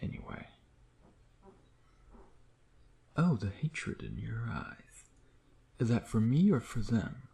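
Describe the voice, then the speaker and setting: In an intimate ASMR roleplay, a man plays a smug, teasing vampire predator, sardonic and flirtatious, often dropping into breathy murmurs. His voice is on the low side and a little mellow, and the mood is menacing yet seductive.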